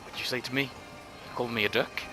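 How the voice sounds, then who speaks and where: A man's voice: medium pitch, steady tone, fairly quick, rough recording. A man commenting on a video game he plays, joking and swearing, and reading in-game notes aloud with dramatic storytelling. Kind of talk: let's play commentary. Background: game music.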